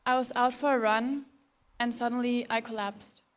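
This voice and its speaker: A woman's voice: a little high, steady tone, normal speed. A Danish woman speaking English as a pageant contestant, giving a composed, formal prepared speech. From Denmark.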